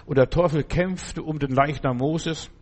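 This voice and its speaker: A male preacher with a slightly high voice delivers a sermon. He speaks directly to his listeners, often checking that they follow, and acts out desperate calls for help with a lifted voice. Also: unhurried, a little mellow. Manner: addresses listeners directly with frequent "ja?" and "verstehst du?"; acts out cries for help in a raised voice.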